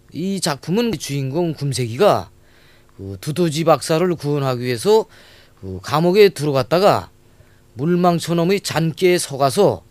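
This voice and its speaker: A man with a North Korean accent explains things in a prepared interview. His voice is fairly high for a man and sounds dry and close. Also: a little mellow, no echo. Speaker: film studio staff being interviewed.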